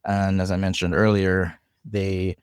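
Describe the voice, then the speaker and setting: His voice sits low and stays level, unhurried, a little mellow and smooth. He's a Jamaican man with a Jamaican accent, a reflective podcast guest in casual conversation who often restarts and repeats words as he thinks. Studio-quality audio, no echo.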